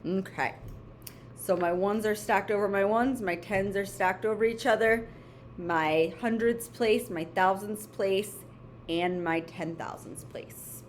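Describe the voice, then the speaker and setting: Female elementary teacher, mid-pitched voice, walking kids through homework step by step in short phrases, faint room noise behind. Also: slow. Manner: instructional, breaks phrases into short pieces, checks in with "okay?" and "right?". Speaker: elementary school math teacher. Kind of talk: step-by-step homework lesson for children.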